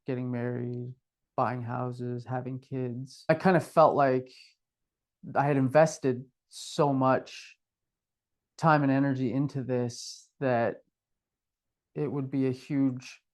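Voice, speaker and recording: A man's voice: medium pitch, flat delivery, takes it slowly, pauses often. A middle-aged man co-hosting a podcast, talking candidly and reflectively about his past, with a self-deprecating streak. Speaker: podcast co-host. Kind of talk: casual conversational podcast.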